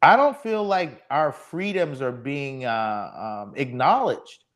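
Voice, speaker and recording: A man's voice: medium pitch, very animated, takes it slowly, a bit bright. A man in his forties from Texas, hosting a solo live podcast stream, ranting sardonically and speaking to the chat. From Texas, USA. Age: 40s. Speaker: podcast host.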